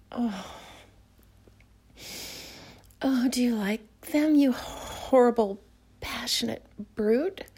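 A woman's voice: medium pitch, a little mellow, slightly rough. A young woman acting a proper, easily flustered young time traveler in an audio roleplay, speaking breathily and often dropping to a whisper. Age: young adult.

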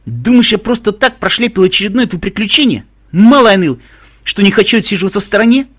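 A man's voice: sits high, lively intonation, fast, slightly rough, pitched above the performer's own voice. A man voicing a brash, cocky male pegasus pony who talks bluntly and teases his friends, in a storybook reading. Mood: teasing.

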